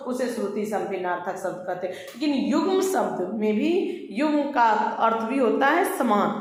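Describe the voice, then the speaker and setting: A woman teacher speaks in a slightly high voice, patient and repetitive as she drills young pupils on grammar. She stretches example words out slowly to show their stress. Her voice rings through a very echoey room with a long reverb tail. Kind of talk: online Hindi grammar lesson for children.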